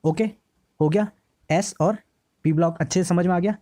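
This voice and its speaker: A male teacher with a slightly hoarse throat, giving a lesson on memory tricks. He repeats each mnemonic slowly and keeps checking in with the class. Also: high-pitched, steady tone, mellow, no room sound. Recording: dry, slightly dull lo-fi recording.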